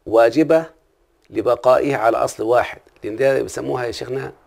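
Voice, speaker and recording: A man's voice: medium pitch, fairly even intonation, fast talker, gravelly, a little mellow. A man with an Egyptian accent teaching a classical Arabic grammar lesson, often stopping to ask his listener questions. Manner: asks the listener frequent check-in questions.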